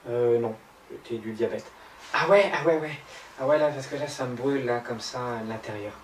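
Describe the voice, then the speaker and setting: A man's voice: mid-range voice, moderate pace, slight background noise. A man giving sarcastic, mocking commentary over a video. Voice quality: mocking, teasing. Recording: roomy, distant mic, faint music.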